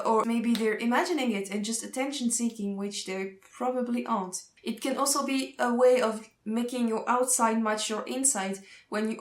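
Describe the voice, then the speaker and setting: Recorded in an echoey room, this high-leaning female voice belongs to a young adult social work student from French-speaking Switzerland. She speaks English with a Swiss French accent, earnestly walking through a subject in her vlog and stopping now and then to search for the right word.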